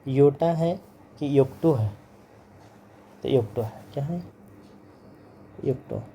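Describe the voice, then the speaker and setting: In this classroom lecture, a man teaches physics in Hindi, sprinkling in English terms and repeating each one with its pronunciation again and again. His voice sits in the mid range and sounds warm, and he speaks slowly. A faint hiss or hum runs under the recording.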